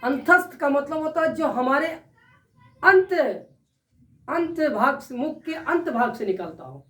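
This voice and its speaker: A woman's voice: high-pitched, animated, a little slow, a bit bright. A woman teaching a Sanskrit grammar lesson, asking her students questions and then answering them herself. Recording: echoey room, voice from far off.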